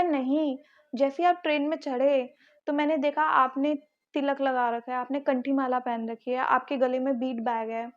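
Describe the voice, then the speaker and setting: A young woman vlogger casually telling a personal story in an animated way. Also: high-pitched, lo-fi sound.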